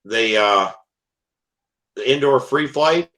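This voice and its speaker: A man in a casual group call whose voice keeps breaking up over a bad connection, speaking haltingly and trailing off. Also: mid-range voice, bright, forceful tone. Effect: voice breaking up on a bad online connection.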